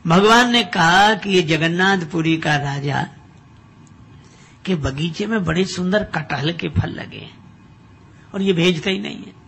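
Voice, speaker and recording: An older man giving a humorous devotional discourse, telling a story and acting out its characters' dialogue with shifting loudness. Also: high-pitched, measured pace, creaky, long pauses, slight background noise. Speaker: spiritual discourse speaker.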